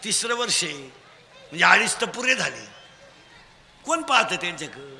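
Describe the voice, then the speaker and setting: A man with a Khandeshi Marathi accent preaching a humorous kirtan sermon, teasing and drilling children in call-and-response and shouting prompts at them. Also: high voice, very animated, moderate pace, gravelly, big-room sound.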